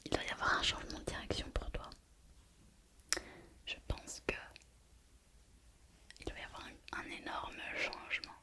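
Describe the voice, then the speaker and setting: Woman as a whispering fortune teller, whispered role-play. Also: close to an everyday voice. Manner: slow, repetitive fortune-teller delivery, addressing the listener. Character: mystical female fortune teller reading horoscopes, mysterious and reassuring.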